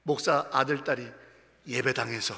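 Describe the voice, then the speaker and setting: A man's voice: mid-range voice, steady tone, normal speed, creaky, pushed and bright. A middle-aged man preaching a sermon as senior pastor, fervent and emphatic, with repeated exclamations. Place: church sanctuary. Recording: long church-hall reverb.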